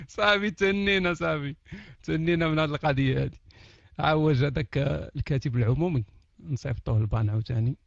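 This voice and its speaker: A man's voice: on the high side, brisk, creaky, long pauses, no room sound, muffled recording. A Moroccan man with a Moroccan Arabic accent, chatting casually and jokingly to his online audience from behind his computer. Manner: animated, joking, laughs often. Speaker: online talk host. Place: at home behind a PC. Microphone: computer mic.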